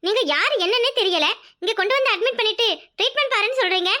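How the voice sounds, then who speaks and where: A woman's voice: very high voice, quick pace, bright, forceful tone. A woman voicing a strict female hospital doctor in a cartoon, scolding and businesslike. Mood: stern. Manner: stern, scolding. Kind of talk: cartoon voice acting.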